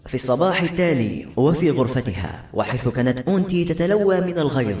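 A man narrating a novel in an expressive reading voice. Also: mid-range voice, quick pace. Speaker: audiobook narrator. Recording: roomy echo with faint music.

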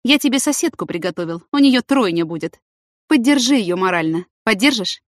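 A woman's voice: medium pitch, lively intonation, dry recording, studio quality, close to an everyday voice. Woman voicing a firm male ward chief. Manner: firm, brisk doctorly. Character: middle-aged male head of a maternity ward.

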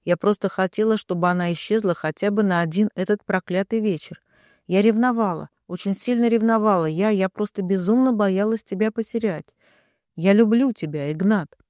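A woman's natural, mid-range, slightly mellow voice at a moderate pace, recorded with clean studio sound and no room sound. It belongs to a man voicing a jealous young woman in an audiobook, pitched above his own voice, who stammers and pleads through tears.

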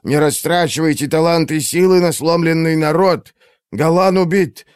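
A man's voice: a little high, moderate pace, a little mellow, clear, resonant tone, dry recording, pitched above the performer's own voice, natural voice. A man voicing a stern male magister who reproaches and commands a fellow mage. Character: stern older male magister urging calm.

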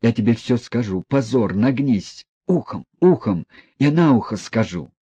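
A man voicing a broken, rambling old retired general in an audiobook, pleading and lamenting in slow, halting phrases. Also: medium pitch, animated, dark tone, husky, dry recording. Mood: whispering.

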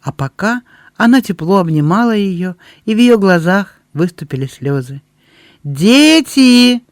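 A man's voice: high-pitched, lively intonation, moderate pace, dry recording. A man reading a novel aloud as an audiobook, telling the story steadily and expressively on a close microphone. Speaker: audiobook reader. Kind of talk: scripted narration.

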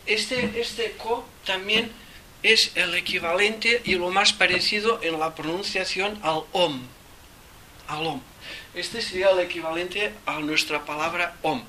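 A high-pitched male voice, bright and pushed, speaks with a Catalan accent while casually teaching theosophy to a few listeners. The delivery rambles as he reasons aloud, repeatedly asking "¿eh?" Faint noise comes through the far-off microphone.

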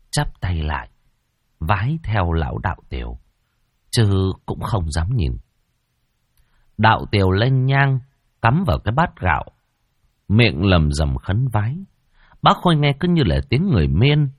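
Man, ghost story narration, dramatic, low pitch, dry close sound. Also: husky, no room sound.

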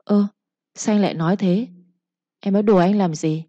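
A woman voicing a stubborn, pleading young village daughter in a told story, her voice raised and higher. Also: steady tone, moderate pace, warm tone, no room sound, lightly acted. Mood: defiant pleading. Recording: dull lo-fi recording.

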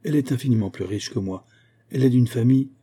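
A man's voice: medium pitch, fast, dark tone, husky, natural voice. A man reading as an earnest lovesick young nobleman. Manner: earnest, slightly embarrassed. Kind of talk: audiobook character reading.

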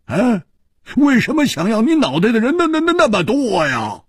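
A male storyteller voicing a brash swordsman who teases and mocks in a quick, lively voice. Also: deep voice, husky, no echo, clean studio sound, voice pushed down, heavily acted. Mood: teasing. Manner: quick, teasing and scornful. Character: brash laughing swordsman, mocking and loud. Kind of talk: Chinese storytelling broadcast.

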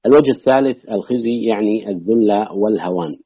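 A man reading aloud from a classical exegesis book in a measured way, pausing now and then to comment or correct a slip. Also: lowish voice, dry recording. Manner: measured recitation, pausing to note and correct slips. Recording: husky, dry, tinny phone-like audio.

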